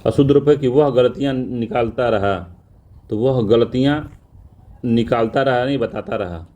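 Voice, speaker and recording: A man teaching an exam revision lesson, reading out wrong sentences and then repeating the corrected form slowly. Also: mid-range voice, warm tone, highs cut off.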